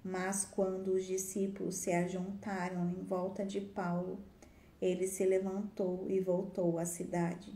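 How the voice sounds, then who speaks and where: A woman reading a Bible passage aloud in a measured, steady way. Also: medium pitch, slight background noise. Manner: measured, steady delivery with small slips. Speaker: scripture reader. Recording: roomy echo.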